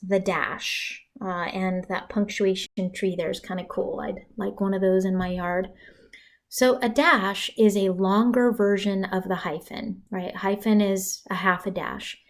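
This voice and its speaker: Woman giving a chatty writing lecture. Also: mid-range voice. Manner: conversational, asides and dramatic pauses for emphasis. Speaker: writing instructor. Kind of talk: recorded slide lecture.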